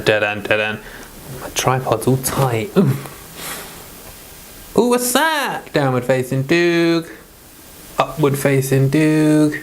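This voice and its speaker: The host of a Bible read-along vlog talks in a playful, self-deprecating, informal way, rambling casually before shifting into scripture reading. The voice is mid-range, with a little hiss or hum in the background.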